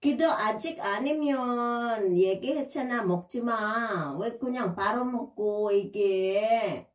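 A woman's voice: a little high, takes it slowly. Woman scolding her pet, far from mic. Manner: scolding, repeating simple commands. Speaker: pet owner vlogger. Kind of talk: talking to a pet. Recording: roomy, from a distance.

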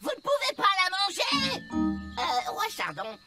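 A woman's voice: extremely high pitch, huge pitch swings, a little slow, pushed and bright, faint music behind, full character voice. A woman voicing a tiny, very old alien leader in a cartoon, curious and forthright, with an odd formal alien manner. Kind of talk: cartoon voice acting, French dub.

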